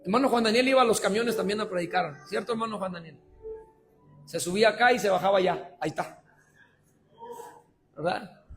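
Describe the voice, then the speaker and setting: A Mexican man preaching a sermon as pastor, shifting between shouted calls and quiet, chatty asides to the congregation. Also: sits high, a little fast, pauses often, faint music behind. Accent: Mexican Spanish. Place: church.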